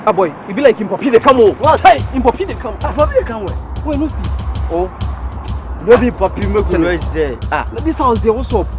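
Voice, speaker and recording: Young man, Ghanaian Pidgin accent, excited banter, animated pitch. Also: quick pace. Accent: Ghanaian Pidgin English. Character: young man scheming to win a girl. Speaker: actor. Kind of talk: Ghanaian movie acting. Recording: film audio with music behind.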